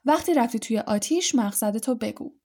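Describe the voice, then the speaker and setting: A woman's voice: on the high side, animated, mellow. A woman reading aloud, voicing a doting, anxious middle-aged witch and mother who fusses and bosses. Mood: fussing, worried.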